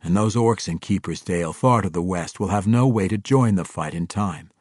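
A composed male drow ranger read by a man lays out strategy in a measured, formal voice, low and dry. The delivery stays close to the narrator's own tone. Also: a little mellow, slightly rough, no echo.

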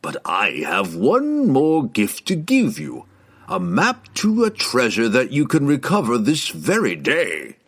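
A man reading aloud, voicing an old male wizard who speaks slowly and ominously. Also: medium pitch, wildly swooping pitch, breathy edge, pitched above the performer's own voice, full character voice. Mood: grave. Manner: slow, measured, ominous delivery.

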